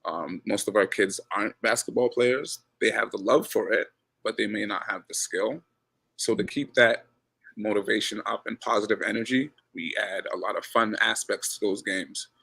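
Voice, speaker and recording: The recording is low-quality, carrying a gravelly, low-leaning male voice at ordinary speed. He's a Ghanaian basketball coach in a laid-back interview chat, repeating words and saying he speaks loudly.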